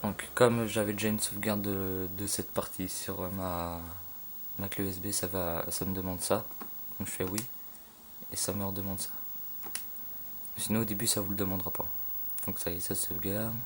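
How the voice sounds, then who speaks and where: A man casually talking through a game tutorial, halting with fillers and loose slang, filmed on a phone at a home computer. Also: sits low, flat delivery. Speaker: gaming tutorial maker. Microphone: phone filming a screen. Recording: phone recording with faint room noise.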